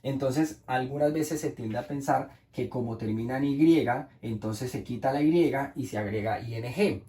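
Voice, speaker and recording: A man's voice: medium pitch, moderate pace, mellow, roomy sound. A man teaching English grammar in Spanish, explaining rules patiently and checking in with the class.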